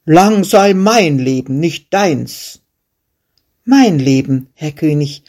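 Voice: medium pitch, lively intonation, slow pace, a little mellow. A storyteller voicing a fearless, stubborn young shepherd in a fairy tale, who answers back boldly. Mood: defiant. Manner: bold, stubborn retorts. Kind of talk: storybook character voice.

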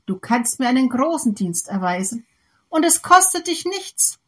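A woman's voice: high-pitched, very animated, normal speed, voice pushed up. A woman voicing a small enchanted female snake in a fairy tale, pleading and earnest. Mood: urgent. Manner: pleading, solemn storybook voice.

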